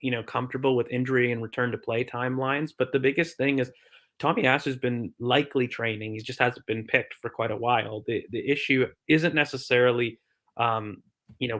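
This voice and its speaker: Man, casual football podcast co-host, mid pitch, hesitant fillers, physio-style explaining. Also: pushed and bright. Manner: thoughtful, filler-heavy, explains from a physio view.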